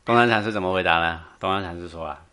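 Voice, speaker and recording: Man, Buddhist teacher, lively storytelling talk, lowish voice, keeps asking for agreement. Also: very fast, clean tone. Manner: animated, keeps asking the audience for agreement, chuckles often.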